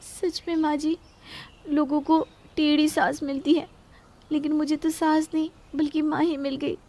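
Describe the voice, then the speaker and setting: A woman's voice: high voice, level tone, unhurried, dark tone. A woman voicing a timid young daughter-in-law in a cartoon, meek and pleading. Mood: grateful. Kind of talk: cartoon voice acting.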